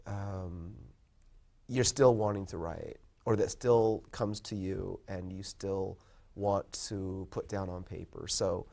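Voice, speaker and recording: A man in his fifties with a fairly low voice chats about his writing in an easy interview. He sounds thoughtful and modest and often pauses with an um or starts a sentence over. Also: steady tone, gravelly, warm tone. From born in Korea, raised in California. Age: 50s. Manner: thoughtful, modest, hesitant with ums and restarts. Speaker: poet and college professor, guest. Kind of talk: casual interview chat.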